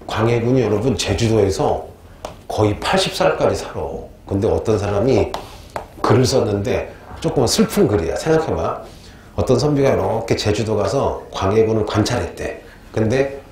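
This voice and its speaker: A middle-aged male history teacher giving a lively lecture, quizzing his students with call-and-response questions. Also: mid-range voice. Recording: echoey room, faint noise.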